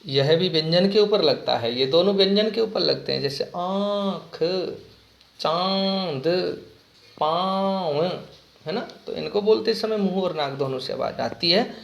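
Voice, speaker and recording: A man teaching a grammar lesson to children, asking them questions and repeating key words slowly. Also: on the high side, expressive, vocal fry. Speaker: Hindi teacher. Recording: echoey room.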